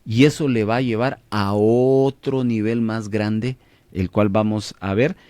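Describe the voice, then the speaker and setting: A man's voice: lowish voice, fairly even intonation, measured pace, mellow, smooth, no room sound. A man hosting a radio Bible teaching program with a Latin American Spanish accent, preaching emphatically and putting questions to his listeners. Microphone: studio microphone.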